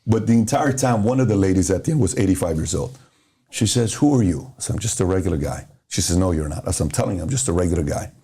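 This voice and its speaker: A man's voice: low voice, quick pace. A middle-aged man from Iran telling motivational stories as a podcast guest, acting out the dialogue as he goes. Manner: animated, acts out dialogue in stories. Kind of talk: motivational storytelling.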